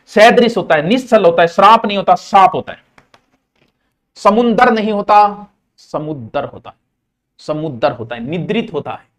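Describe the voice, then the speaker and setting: A man's voice: high voice, fairly bright tone. A man teaching Hindi grammar to a class, drilling words by repeating them again and again and slipping in playful, folksy asides. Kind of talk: classroom lecture.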